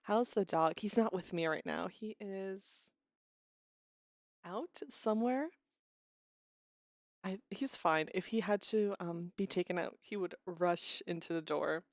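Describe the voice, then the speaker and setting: A woman's voice: lowish voice, slow, pauses often, no echo. Chatty woman streamer, dry close sound. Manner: rambling, chatty, trails off and restarts. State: unwell, occasional cough. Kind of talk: casual chat with viewers.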